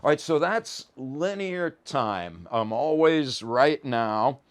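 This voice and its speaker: A man's voice: mid-range voice, lively intonation, takes it slowly. A man lecturing informally on a course, explaining ideas in colloquial language with plain everyday examples and often stammering slightly as he starts a phrase. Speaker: lecturer in a psychology and philosophy course.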